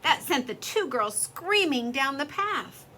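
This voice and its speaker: A woman reading a children's story aloud in an expressive, lively storytelling way. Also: high voice, a little slow, slight background noise.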